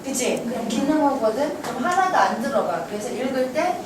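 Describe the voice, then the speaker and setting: A woman teaching an English class, brisk and teasing, quizzing her students as she goes. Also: high voice, very animated. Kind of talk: classroom lecture. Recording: echoey classroom from far off, noisy.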